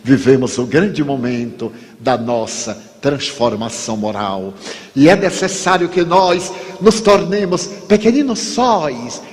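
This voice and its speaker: A man's voice: mid-range voice, expressive, measured pace. A man with a Brazilian accent giving an inspirational spiritist sermon, emphatic and dramatic, stretching key words as he tells a story. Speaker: spiritist speaker. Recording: long hall reverb.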